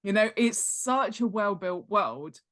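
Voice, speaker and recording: A woman who writes and specializes in world-building talks about her craft as an interview guest, conversational, enthusiastic, and emphatic, laughing easily. Her voice is medium-pitched and a bit bright, with lively intonation and a slow pace.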